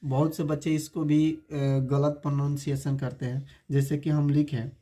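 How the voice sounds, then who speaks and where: A male teacher giving an online spoken-English lesson, spelling words out slowly letter by letter and quizzing viewers with repeated rhetorical questions. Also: fairly high pitch, little pitch movement, mellow.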